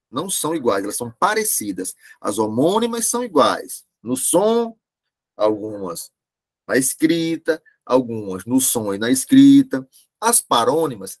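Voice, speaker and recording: A man, teaching a language class over a video call, speaking slowly and deliberately and repeating key words for his students. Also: mid-range voice, fairly bright tone. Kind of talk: online class lecture.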